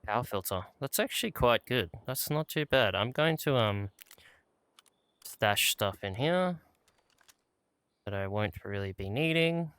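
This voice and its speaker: A man's voice: medium pitch, lively intonation, measured pace, pauses often, a bit bright, smooth, no room sound. A man giving laid-back, casual commentary as he plays a game and talks himself through it. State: out of breath at times. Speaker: gaming channel host.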